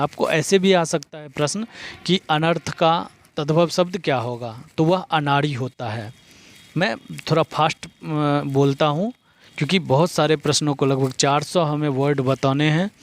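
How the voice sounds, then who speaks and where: A man giving an exam-prep vocabulary lesson, reading out word pairs one by one in a steady drilling rhythm. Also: fairly high pitch. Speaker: teacher.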